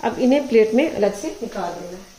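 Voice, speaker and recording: A woman, hosting a cooking show, calmly talking through a recipe step by step. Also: on the high side, a little fast, slight background noise, rough recording. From Pakistan. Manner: calm, methodical, checks in with "ठीक है". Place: home kitchen. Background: frying and stirring sounds.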